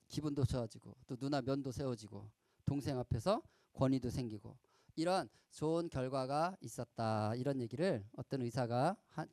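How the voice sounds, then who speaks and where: A middle-aged man giving a lively storytelling lecture to children at a camp, acting out quoted lines and asking the audience questions. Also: medium pitch, creaky, dry recording. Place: lecture hall at a youth camp.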